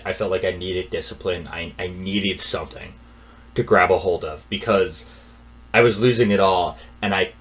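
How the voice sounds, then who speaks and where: Here a young man tells something that happened to him in an offhand, exasperated rant full of repetition. His low voice falls to a mutter and then swells loud, and the audio quality is poor.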